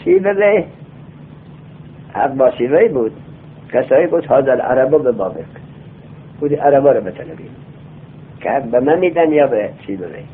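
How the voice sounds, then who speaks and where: A male teacher giving a classroom lecture. He reads lines of a text aloud slowly, then explains them and quizzes his students. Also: medium pitch, animated. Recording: tinny lo-fi phone-like sound.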